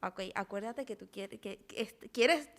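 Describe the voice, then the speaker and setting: A woman's voice: medium pitch, unhurried, gravelly. A woman hosting a podcast, asking questions and sometimes searching for her words. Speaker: podcast host. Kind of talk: podcast interview.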